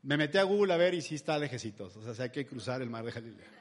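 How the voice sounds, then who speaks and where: A man's voice: medium pitch, lively intonation, fast. A man preaching a sermon in a chatty, humorous storytelling style. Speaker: pastor.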